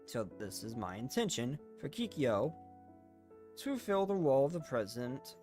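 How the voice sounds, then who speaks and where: A man voicing a grave, regretful anime game heroine, reading the dialogue aloud in a solemn, halting way. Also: medium pitch, sing-song, a little mellow, lightly acted. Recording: music under the voice.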